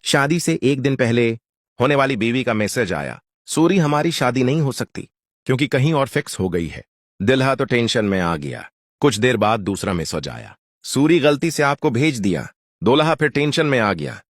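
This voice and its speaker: A man narrating short jokes in a lively read-out delivery. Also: mid-range voice, normal speed, no room sound, studio quality. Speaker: joke narrator.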